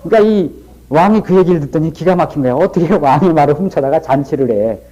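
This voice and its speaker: A man's voice: fairly high pitch, animated, fast talker, mellow, lo-fi sound. A middle-aged man giving a lecture and telling stories in a folksy, plain-spoken way. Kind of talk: storytelling lecture.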